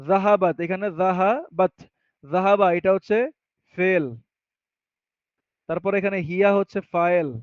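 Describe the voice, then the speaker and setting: A man with a fairly high voice teaches Arabic grammar patiently, one step at a time. He reads the example sentences slowly and answers his own questions as he goes. The sound is dry and close, with a dull, slightly muffled tone. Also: fairly even intonation, clear, resonant tone, dry recording. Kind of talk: classroom grammar lesson.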